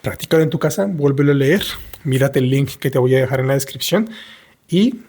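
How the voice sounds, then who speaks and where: A man with a somewhat husky, breathy voice gives a patient language lesson. He explains slowly, pausing often as he reads short lines and translates them. His pitch sits in an ordinary middle range. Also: a little mellow. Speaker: French teacher.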